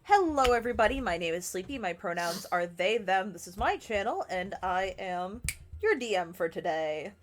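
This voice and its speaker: A woman's voice: fairly low pitch, lively intonation, normal speed, slight background noise. A woman hosting and running a tabletop role-playing game as game master, talking loosely with plenty of ums and uhs. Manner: loose, hesitant, many fillers.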